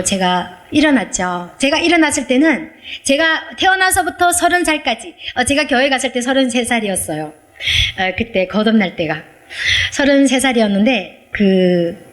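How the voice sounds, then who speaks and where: Earnest woman pastor giving testimony. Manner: earnest, emotional storytelling with shifting pitch. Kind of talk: testimony sermon.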